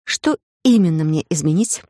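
A woman's voice: low voice, lively intonation, moderate pace, warm tone, no room sound, studio quality. A woman voicing a playful, cunning young heroine in a romance audiobook, coy and teasing.

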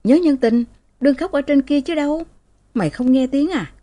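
Woman doing a sharp-tongued young maid, shrill and loud, story reading. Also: moderate pace, lightly acted. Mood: spiteful. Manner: shrill, biting.

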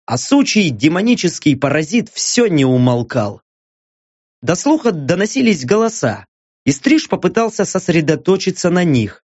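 Expressive male audiobook narrator. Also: on the high side, moderate pace, breathy edge, no echo. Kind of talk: scripted narration. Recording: dull lo-fi dry audiobook.

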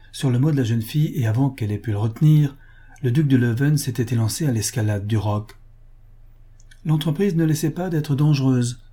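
A man giving a steady, measured scripted narration of a classic novel as an audiobook reader. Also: mid-range voice, husky.

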